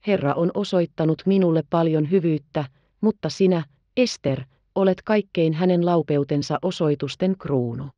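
Proud, bitter old merchant father, read by a woman, low mellow tone, dry dull audiobook sound. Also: no room sound, natural voice. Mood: tender.

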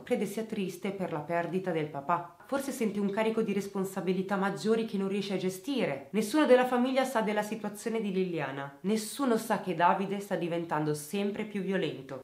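A woman's voice: fairly low pitch, echoey room. Grave woman narrating true crime.

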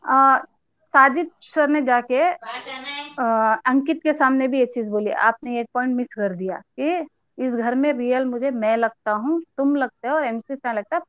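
Insistent high-voiced woman debating. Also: dry recording, lo-fi sound. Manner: insistent, argumentative, fast rebuttals. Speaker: debate panelist. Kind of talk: heated panel debate.

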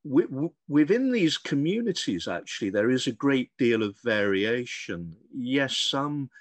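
A male academic answering a question on a video call webinar, speaking briskly and fluently. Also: medium pitch, big pitch swings, dry recording. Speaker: academic panelist.

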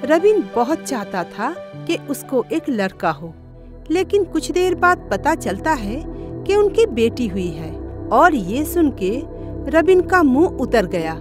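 A woman narrating a cartoon story in a slow, measured way. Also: high voice, sing-song. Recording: music bed under narration.

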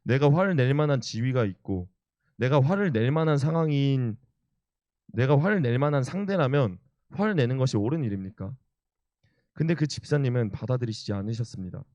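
A man's voice: mid-range voice, expressive, a little fast, dark tone, dry recording, muffled recording. A young man, an evangelist, preaching a sermon and telling personal stories earnestly. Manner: earnest storytelling, acts out quotes.

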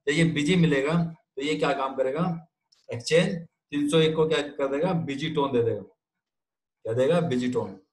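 A man lecturing a class in a question-and-answer rhythm, posing a question and supplying the answer himself. His voice sits at an ordinary middle pitch for a man. He repeats key terms and keeps checking that the students follow. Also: moderate pace, poor audio. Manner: checks in with frequent "theek hai?". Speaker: telecom instructor.

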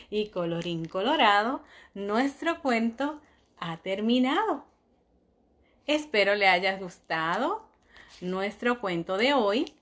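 A woman teacher reading a storybook aloud to young children, full of exclamations and questions to them, softening at bedtime. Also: mid-range voice, very animated. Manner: slow and soft at bedtime.

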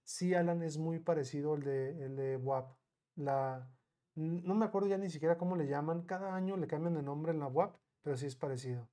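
Leading a live math class online, a middle-aged Mexican-accented man chats easily, shoots rapid questions at his students, and counts through steps slowly. He speaks on the high side with a dark tone.

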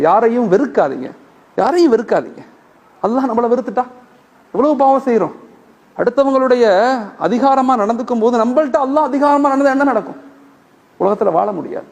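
A man preaches a sermon in a high, lively voice. His pitch leaps up and down as he tells a story, acting out each character's lines and repeating key phrases to drive them home. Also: vocal fry. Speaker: Islamic preacher.

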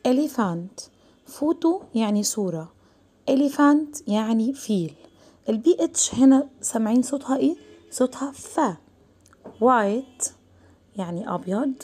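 A young woman with an Egyptian accent teaching a phonics lesson to children, saying English words slowly and explaining in quicker Arabic. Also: a little high, dark tone, slightly rough. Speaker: primary school English teacher.

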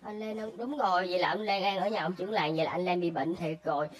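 A woman voicing a timid, crybaby young boy who is whiny and excitable, in casual game role-play. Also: lowish voice, quick pace, slight background noise, close to an everyday voice. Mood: anxious.

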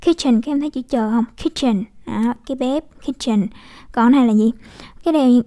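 A woman who teaches English, with Vietnamese as her first language, talks through pronunciation casually, repeating example words and checking with her class. She speaks at a moderate pace in a somewhat high voice with a dark tone.

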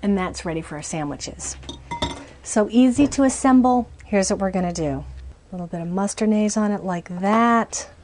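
A woman's voice: medium pitch, moderate pace, background noise. Woman, cooking show host, upbeat, step-by-step, small RV kitchen, medium-distance mic. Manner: upbeat, chatty, step-by-step instructions. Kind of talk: cooking demonstration.

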